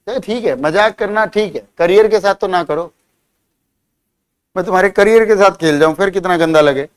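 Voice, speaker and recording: Man teaching a lively vocabulary class. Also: fairly high pitch, clear, resonant tone. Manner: drills words by spelling them out and quizzing students; teasing, scolding banter with students. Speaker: English teacher.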